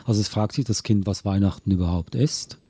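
A man from Switzerland with a Swiss German accent, reading poems aloud and chatting in a gentle, reflective way. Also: lowish voice, a little fast, husky, no room sound. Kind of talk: casual conversation and poem reading.

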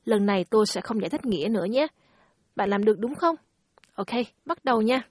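A woman's voice: mid-range voice, animated, brisk, darkish tone. A woman hosting a language lesson, speaking in a friendly, encouraging teacher tone. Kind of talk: scripted lesson narration.

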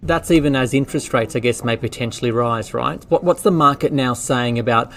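A man hosting a business bulletin, delivering rapid market news and putting questions to guests. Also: medium pitch, fairly bright tone, slight background noise.

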